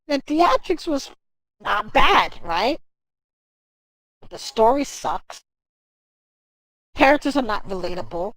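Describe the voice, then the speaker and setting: A woman's voice: a little high, slow pace, pauses often, no room sound, low-quality recording. A woman livestreaming from home, ranting in casual talk, swearing and speaking straight to her chat. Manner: animated, profane ranting.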